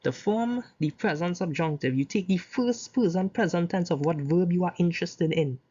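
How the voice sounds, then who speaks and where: A Caribbean-accented teacher giving a language grammar lesson, reciting verb conjugations slowly and adding short explanations. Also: medium pitch, dark tone, breathy edge, dull audio. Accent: Caribbean English. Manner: slow, deliberate reciting of conjugations with asides. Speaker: Spanish teacher.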